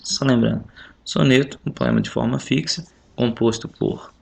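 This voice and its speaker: Gravelly-voiced Brazilian man teaching. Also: mid-range voice, normal speed, darkish tone. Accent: Brazilian Portuguese. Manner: explains step by step, counts syllables aloud. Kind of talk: recorded lesson, going over a test. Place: home.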